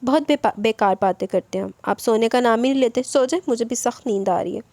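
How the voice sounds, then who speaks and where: A woman voicing a shy, sweet young wife who pleads softly and stammers her denials in a romance novel reading. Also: a little high, quick pace, no room sound, lightly acted. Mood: coaxing.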